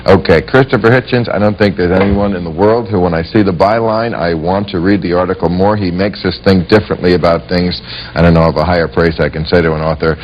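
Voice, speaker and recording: A man hosting a comic talk show, making wry jokes and quick asides to his panel. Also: deep voice, fairly even intonation. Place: TV studio with live audience. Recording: dull lo-fi broadcast with faint audience and hiss.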